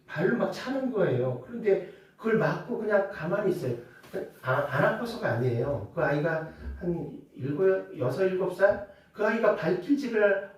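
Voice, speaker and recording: A man preaching a Sunday sermon as pastor, building to loud rhetorical questions and dropping back to quiet explanation. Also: sits high. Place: church sanctuary. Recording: very echoey church hall, mic at a distance.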